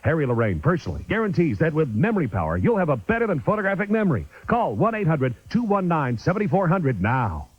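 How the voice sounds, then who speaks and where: A man's voice: fairly high pitch, very animated, fast talker, few pauses, breathy edge. A man reading a scripted hard-sell infomercial narration with an emphatic, urging sales delivery. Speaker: infomercial announcer. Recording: dull 1990s TV audio, music behind.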